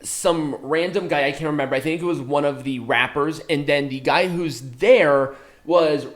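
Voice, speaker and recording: A man's voice: on the high side, moderate pace. A man chatting casually as a co-host, explaining things in a rambling way with crude slang and free swearing. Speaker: podcast co-host explaining a clip. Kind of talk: casual chat and reaction commentary.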